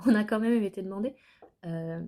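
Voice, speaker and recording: A woman's voice: medium pitch, a little slow, warm tone. A young woman from France telling her life story to the camera in an earnest, hesitant way, with many filler sounds and restarts.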